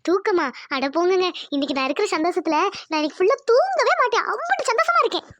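A woman's voice: sits high, quick pace, no echo, close to an everyday voice. A woman voicing a sweet, coy young village wife, cooing and affectionate in a cartoon.

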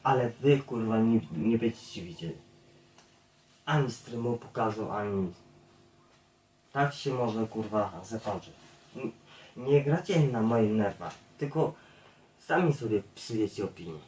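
A man's voice: on the low side, lively intonation, unhurried, long pauses, darkish tone. A man streaming a blunt, profane, repetitive rant to his viewers, addressing them over and over. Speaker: YouTube streamer. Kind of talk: ranting monologue to viewers. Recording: echoey room, far from the mic.

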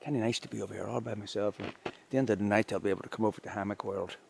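A man's voice: fairly low pitch, fairly even intonation, very fast, gravelly. Man, outdoor winter vlog, playful joking talk, noisy camera audio. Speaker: vlogger. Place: snowy woods outdoors in winter.

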